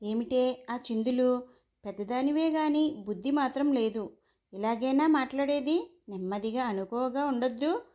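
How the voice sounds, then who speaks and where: A woman voicing a strict old grandmother in a storybook reading, lecturing slowly and nagging. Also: high voice, warm tone, natural voice. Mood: scolding.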